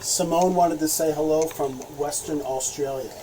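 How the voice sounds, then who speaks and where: A woman's voice: deep voice, fairly even intonation, normal speed, mellow, poor audio. A woman off camera who reads viewer comments aloud in a plain, matter-of-fact way. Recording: crowd noise behind the voice.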